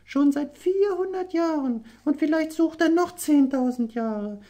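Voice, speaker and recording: A man voicing a tearful, gentle young mermaid princess in an audiobook, speaking softly and slowly. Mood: sorrowful. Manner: soft, high storytelling voice with slow, drawn-out phrases. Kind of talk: audiobook character voice.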